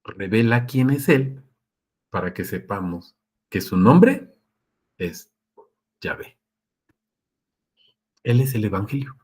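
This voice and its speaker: A man's voice: medium pitch, expressive, measured pace, darkish tone, husky. Preacher guy, chatty sermon, keeps asking if ppl follow. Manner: conversational, asks listeners often, acts out quotes. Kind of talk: sermon with live Q&A.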